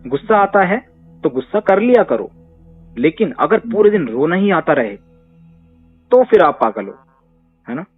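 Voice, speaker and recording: A man's voice: on the high side, very animated, measured pace, pauses often, breathy edge. Emphatic man coaching over a tinny line. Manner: emphatic, repeats points with rhetorical questions. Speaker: psychotherapist answering questions. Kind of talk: conversational Q&A advice. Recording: tinny phone-line audio with faint music.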